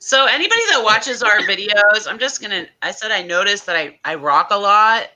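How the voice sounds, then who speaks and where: A woman's voice: mid-range voice, animated, fairly quick, pushed and bright, low-quality recording. A woman co-hosting a casual live stream, joking and playful. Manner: joking, playful, laughs often. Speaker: co-host of a live reselling stream.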